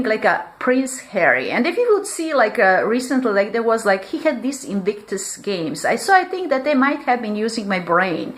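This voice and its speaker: In this vlog, a woman rambles on in English, her second language, peppering her speech with "like" and frequently starting over. Minor grammatical mistakes and bits of laughter slip in between phrases. Her voice is on the high side and a bit bright.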